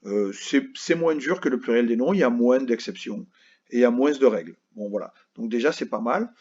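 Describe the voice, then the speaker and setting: A male primary school teacher giving a recorded grammar lesson to children, speaking slowly and patiently and spelling words out letter by letter. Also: medium pitch, animated, a little mellow, slightly rough, dull audio.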